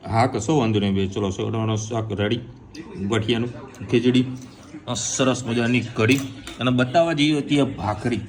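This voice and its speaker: Filming a family vlog in his home kitchen, a man chats in a reassuring way at normal speed. His voice sits at medium pitch with fairly even intonation, and the recording has room echo and background noise.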